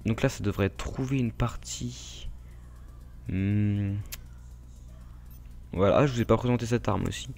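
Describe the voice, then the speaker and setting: A man's voice: fairly low pitch, unhurried, creaky, long pauses, darkish tone. A man with a French accent giving casual, rambling gameplay commentary, full of fillers and asides to his viewers. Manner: rambling, filler-heavy, addresses viewers directly. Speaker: gaming YouTuber.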